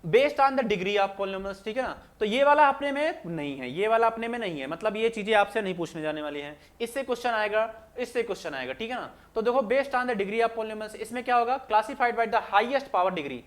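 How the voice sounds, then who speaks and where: A man. He keeps asking the class questions and answering them himself, repeating each point in a patient, drawn-out way. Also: sits high, animated, fairly bright tone. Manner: repetitive, asks students questions then answers them. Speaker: maths teacher. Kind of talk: classroom lecture explaining on screen.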